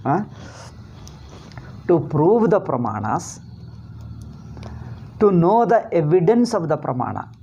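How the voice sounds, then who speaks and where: A man's voice: a little high, very animated, slow, long pauses, dark tone, highs cut off, a little hiss or hum. A man with a South Indian accent teaching a scripture lesson online in a didactic, question-and-answer manner. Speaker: teacher of Sanskrit philosophy.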